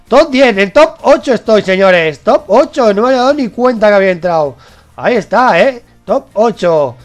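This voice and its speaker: Excitable man narrating his game. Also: fairly high pitch. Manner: excitable, repeats words over and over while playing. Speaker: gameplay commentator. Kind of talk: casual gameplay commentary.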